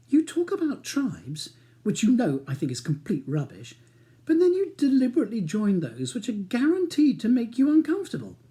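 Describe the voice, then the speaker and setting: Reading from a novel, a man pushes his voice up high to play an exasperated, sharp-tongued upper-class English wife. Her manner is clipped and argumentative, and the mood is challenging.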